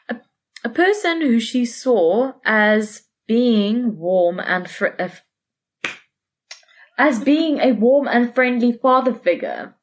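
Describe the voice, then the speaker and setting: A woman casually recounting a true case on a podcast, chatty and self-correcting, laughing easily. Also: fairly high pitch. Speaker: podcast co-host presenting a case. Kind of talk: casual conversational storytelling.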